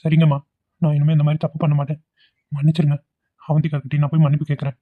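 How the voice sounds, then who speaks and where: A man's voice: on the high side, little pitch movement, quick pace. A man voicing the characters in a cartoon drama, pleading and apologetic. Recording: tinny phone-like audio.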